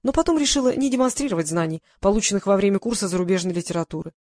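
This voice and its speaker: A woman narrating a first-person audiobook in a lively, expressive reading. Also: medium pitch, rapid-fire, dry recording, studio quality.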